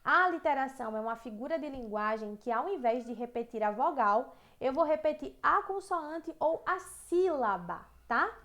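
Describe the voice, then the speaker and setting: A woman with a Brazilian accent teaching an online lesson, chatty, checking in with "tá?" and "né?", reading verses slowly. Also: high voice, lively intonation, a bit bright. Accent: Brazilian Portuguese. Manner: reads poems aloud slowly and rhythmically.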